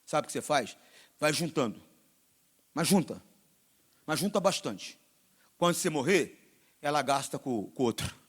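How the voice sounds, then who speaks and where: A man with a Brazilian Portuguese accent preaching a sermon as pastor, swinging between loud exhortation and quiet, confiding asides. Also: fairly high pitch, lively intonation, moderate pace, long pauses, breathy edge.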